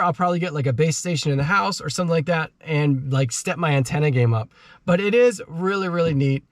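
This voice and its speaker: A high, slightly bright male voice, captured cleanly in the studio without echo, belongs to a car DIY vlogger. He explains his how-to steps casually, leaning heavily on slang.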